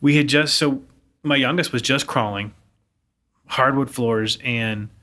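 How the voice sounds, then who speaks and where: A man's voice: mid-range voice, unhurried, bright, forceful tone. A man in his thirties co-hosting a podcast, telling a personal story earnestly in casual conversation. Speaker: podcast co-host. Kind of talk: casual chat.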